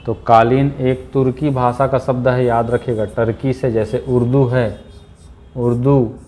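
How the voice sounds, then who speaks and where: A man's voice: medium pitch, flat delivery, a little slow, dark tone, slight background noise. A man teaching an exam-prep lesson, repeating key words and checking in often with his students.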